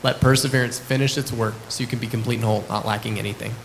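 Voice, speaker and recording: A man, a ministry staff member, sharing a friendly, relaxed testimony with frequent fillers. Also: medium pitch, rapid-fire, vocal fry, background noise. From Lubbock, Texas. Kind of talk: church testimony and introduction.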